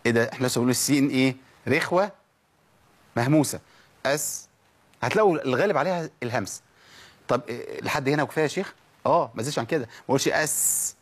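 A man's voice: mid-range voice, husky. A man with an Egyptian accent teaching a tajweed lesson, asking rhetorical questions and drilling letter sounds aloud. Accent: Egyptian Arabic. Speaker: Quran recitation teacher.

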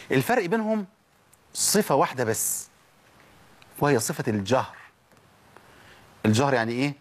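A man's voice: medium pitch, husky. A man with an Egyptian accent teaching a tajweed lesson, asking rhetorical questions and drilling letter sounds aloud. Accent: Egyptian Arabic. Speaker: Quran recitation teacher.

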